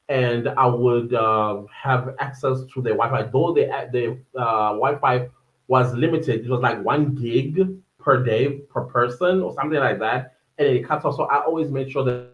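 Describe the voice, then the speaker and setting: A man's voice: mid-range voice, reverberant, highs cut off. A man in his thirties from Durban with a South African accent, talking casually on his solo podcast, rambling and searching for words with many fillers. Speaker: podcast host.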